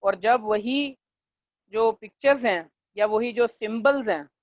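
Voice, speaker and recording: A male linguistics lecturer teaching a class, leaning on fillers and checking in often, and slowing down to dictate definitions. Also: high voice, dry recording. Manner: leans on the filler "jo hai na" and checks in with "theek hai"; slows down to dictate English definitions. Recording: tinny, dry, phone-like recording.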